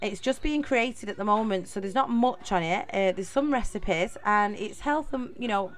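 On her own podcast, a young Mancunian woman from Manchester, England chats away in a rambling solo monologue full of fillers and restarts. Her voice is medium in pitch and her speed is normal.

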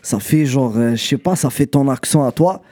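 Man, rapper guest, relaxed casual interview, mellow tone. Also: medium pitch, moderate pace. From Montreal, Canada. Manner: relaxed, mixes English words into French.

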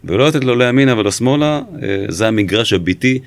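A man, a former police interrogator, recounting in an interview how he questioned a suspect, speaking in a measured, emphatic way. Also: medium pitch, lively intonation, dry recording.

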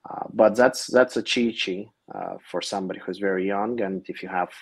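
Deep husky man giving advice. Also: steady tone, moderate pace. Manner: earnest, advising, some slips of grammar. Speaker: guest. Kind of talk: giving advice on a video call.

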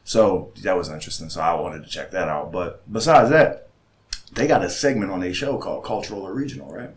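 A man co-hosting a casual chat, telling stories in an animated way and mimicking other people's voices. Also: deep voice, fairly quick.

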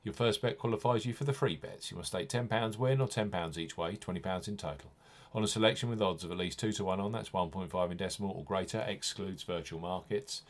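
A man's voice: sits low, brisk. A man hosting a podcast, reading scripted betting promotions like an announcer, leaning hard on key phrases. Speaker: podcast host.

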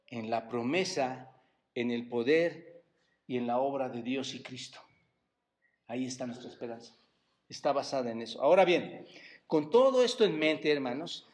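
A man's voice: on the high side, darkish tone. A man preaching a sermon as pastor, asking the congregation rhetorical questions and drawing out key words for emphasis. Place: church service.

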